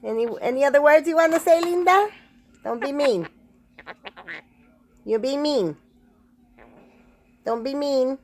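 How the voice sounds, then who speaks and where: Lady cooing at her pet bird, slow and bouncy, kinda high voice, tosses in spanish pet names. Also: animated, darkish tone. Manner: coaxing sing-song pet talk; mixes in Spanish pet words. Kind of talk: casual vlog talking to a pet parrot.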